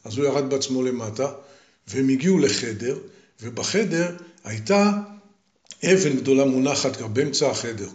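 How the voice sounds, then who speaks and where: Give me an older grandfather storyteller, deliberate and repetitive, recorded in a roomy, echoing space. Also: mid-range voice, lively intonation, darkish tone.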